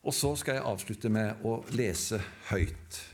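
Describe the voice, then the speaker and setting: A man preaching a sermon in church, emphatic and building his points through repeated phrases. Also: lowish voice.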